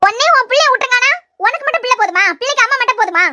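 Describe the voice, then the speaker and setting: A voice actor playing a scolding older mother in a cartoon serial, with a Kanyakumari Tamil accent, loud and stern. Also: very high-pitched, lively intonation, racing, exaggerated voice.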